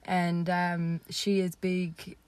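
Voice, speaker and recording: A woman's voice: on the low side, completely flat delivery, very slow, a little mellow, slight background noise. A young college-age woman with an Irish accent, co-hosting a podcast in casual chat. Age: young adult, college student. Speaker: podcast co-host. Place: outdoors on a walk in woods.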